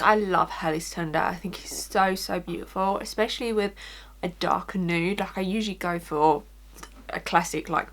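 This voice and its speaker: A woman's voice: lowish voice, a bit bright. A woman with an Essex accent talking informally through a casual makeup tutorial as a beauty vlogger, often saying "like". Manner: informal, chatty, frequent "like".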